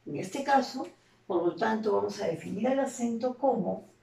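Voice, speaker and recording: A woman teacher with a Peruvian Spanish accent, explaining a lesson slowly and deliberately, often asking rhetorical questions. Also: mid-range voice, animated, vocal fry, dark tone, recorded from a distance. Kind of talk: classroom lesson. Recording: very echoey room, voice off-mic.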